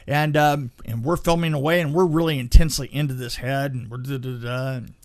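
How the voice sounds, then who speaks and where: A man of medium pitch relates stories from his film crew experience on a podcast, speaking loosely and with energy but in fits and starts.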